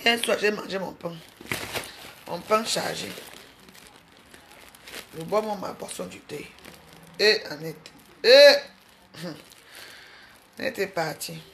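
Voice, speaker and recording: A woman talking to her online followers in a mocking, scolding rant, full of quick restarts and jabs. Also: mid-range voice, fairly bright tone, a little hiss or hum. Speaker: social media personality. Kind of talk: ranting live video.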